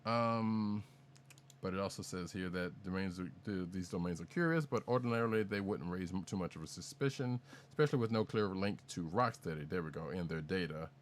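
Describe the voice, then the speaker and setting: A man with a very deep voice co-hosts a casual podcast, rambling through news items. He restarts sentences and drops jokes along the way. A faint hiss sits under the recording. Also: brisk. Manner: rambling, self-correcting, jokey. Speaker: podcast co-host.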